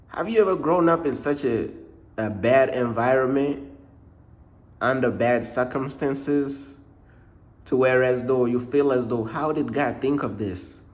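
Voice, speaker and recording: A young man from Uganda talks slowly and unhurriedly through a casual storytime vlog. His speech is loose and slangy, and he keeps tossing in "bruh" and "bro" as he rambles and circles back over his points. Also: mid-range voice, a little mellow. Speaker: faith vlogger.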